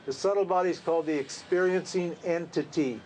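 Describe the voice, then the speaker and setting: A man's voice: a little high, fairly quick, darkish tone, slight background noise. A man, a spiritual teacher, giving an informal talk to a group, conversational and full of rhetorical questions. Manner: conversational, rhetorical questions, laughs at his own lines.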